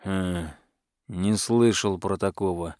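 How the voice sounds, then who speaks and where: A man's voice: deep voice, takes it slowly, darkish tone, dry recording, studio quality, voice pushed down. A man doing a grumpy bellowing old tsar. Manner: grumbling, bellowing.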